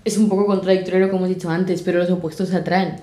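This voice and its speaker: A woman's voice: lowish voice, level tone, very fast, mellow. A woman in her twenties with a Spain Spanish accent, reasoning aloud in a casual podcast chat. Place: podcast set. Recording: roomy podcast set.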